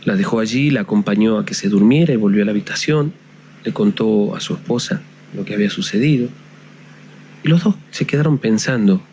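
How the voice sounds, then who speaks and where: A man's voice: lowish voice, brisk, a little mellow, a little hiss or hum. Man telling a ghost story.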